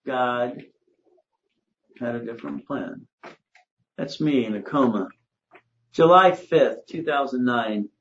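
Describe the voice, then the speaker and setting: An older man, a credit consultant, giving an emphatic, preachy motivational monologue that swings between loud and hushed. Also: mid-range voice, takes it slowly, long pauses, muffled recording, a little hiss or hum.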